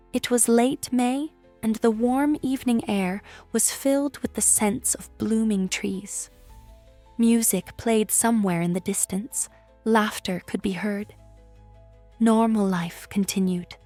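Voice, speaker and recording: A woman reading a first-person story in a calm, measured narration. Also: mid-range voice, dry recording.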